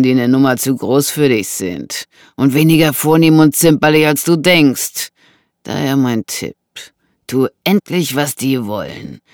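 An audiobook narrator voicing a menacing man with a knife, who taunts slowly and mockingly. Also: mid-range voice, dry recording, clean studio sound. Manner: slow, taunting, drawn-out delivery.

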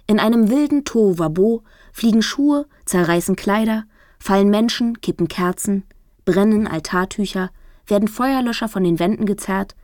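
A woman narrating a first-person novel as an audiobook, wry and lively. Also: mid-range voice, dry recording, studio quality.

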